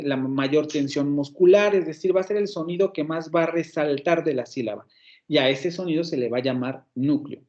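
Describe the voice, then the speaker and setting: A man with a Mexican Spanish accent teaches a university phonetics class online, his voice sitting a little high. He thinks aloud as he explains, stopping to correct himself. The audio is somewhat dull, like a computer mic on a video call. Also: darkish tone. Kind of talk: online lecture.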